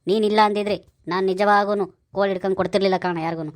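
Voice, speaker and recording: A woman's voice: mid-range voice, flat delivery, rapid-fire, lightly acted. Woman doing a fussy talkative village man. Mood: pleading. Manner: fussy, correcting, pleading. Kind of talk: village comedy skit.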